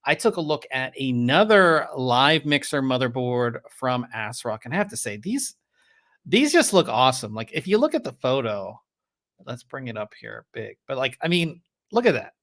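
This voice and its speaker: A man's voice: medium pitch, sing-song, moderate pace, fairly bright tone. Man on a crackly mic that keeps cutting out. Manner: rambling, many fillers and restarts. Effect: mic audio cutting out and dropping mid-sentence. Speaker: podcast co-host. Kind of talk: casual tech podcast chat. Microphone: desk mic with noise-removal software on a video call.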